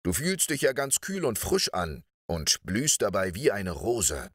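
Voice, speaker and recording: Kindly storybook gentleman, voiced by a man, low, calm, dry sound. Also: a little slow, husky, no echo, full character voice. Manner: gentle, warmhearted. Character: kindly man letting a boy have his way. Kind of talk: audiobook reading.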